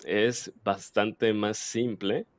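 A man hosting a relaxed interview. He laughs often, backchannels a lot and asks friendly questions. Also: on the low side, extremely slow, no room sound, clean studio sound. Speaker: host. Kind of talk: casual interview chat.

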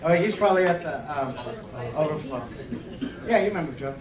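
A man's voice: a little high, lively intonation, a little fast, a crowd in the background. A man leading a church meeting, chatty and joking as he calls people up to speak. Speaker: church program leader. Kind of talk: casual church meeting talk. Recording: echoey room, distant camera mic.

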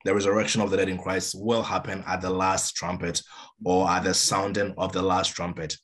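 Via a laptop webcam on a video call, a man in his forties delivers emphatic Bible teaching from an indoor room at home with a window, gesturing throughout. The preacher's low, fairly bright voice moves briskly with little change in pitch.

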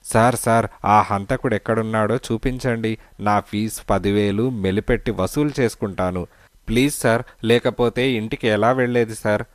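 A man's voice: on the low side, fairly even intonation, normal speed, no echo, lightly acted. A man voicing a broke, desperate male lawyer who pleads and blusters. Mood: pleading.

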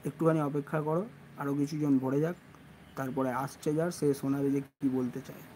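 A man's voice: medium pitch, moderate pace. A man hosting a live stream, reading out viewers' comments and answering them in a casual way. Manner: soft and hushed, later loud and excited. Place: indoors near another room. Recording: noisy live stream audio.

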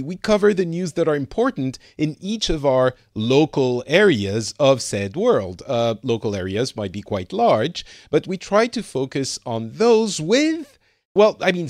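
Lively French-born man hosting a podcast. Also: mid-range voice, no echo, studio quality. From France. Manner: animated, lots of fillers and restarts. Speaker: host. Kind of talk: casual podcast chat.

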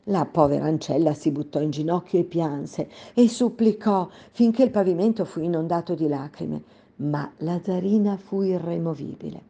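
A woman reading a fairy tale aloud in a calm, measured storytelling voice. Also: fairly low pitch, vocal fry.

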